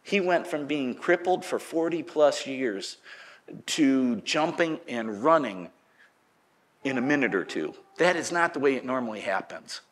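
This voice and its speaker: A middle-aged man preaching a sermon in a church, telling a folksy story in a relaxed way and getting loud and lively as it peaks. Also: medium pitch, a little slow. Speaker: pastor. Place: church sanctuary.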